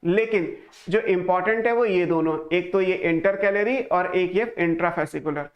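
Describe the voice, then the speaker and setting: A high-pitched man teaches online at a normal speed, his voice coming through with lo-fi sound. Speaking Hindi laced with English phrases, he moves step by step and answers the questions he puts to the class.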